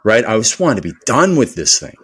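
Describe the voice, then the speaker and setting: A man who is a performance coach, talking as a podcast guest in an energetic, rambling motivational style with many fillers. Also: on the low side, brisk, husky. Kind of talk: podcast interview conversation.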